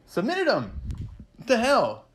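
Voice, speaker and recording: A man casually recapping fight results, excitable and rambling, swearing freely and peppering his talk with "man" and "you know". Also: extremely high pitch, measured pace. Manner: acts out fighters' thoughts in quoted asides. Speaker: MMA vlogger recapping fights.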